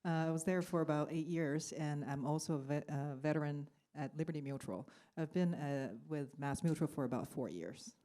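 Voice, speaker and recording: Low, soft-voiced hesitant woman. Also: normal speed, hardly any pauses. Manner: hesitant, with frequent "uh"s. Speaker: marketing analytics executive. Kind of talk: panel self-introduction. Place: conference stage with audience.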